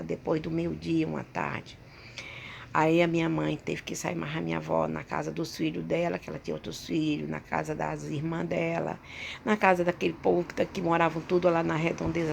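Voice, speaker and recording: A woman, hosting her own channel and telling a personal story in a halting way, full of restarts and repeated words. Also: on the low side, creaky, slight background noise. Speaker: channel host.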